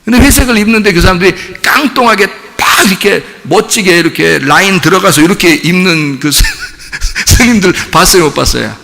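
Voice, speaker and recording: A man's voice: high voice, fairly quick, gravelly, bright, forceful tone. A middle-aged man preaching a sermon as pastor, telling stories animatedly with mimicry and laughter. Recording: long hall reverb.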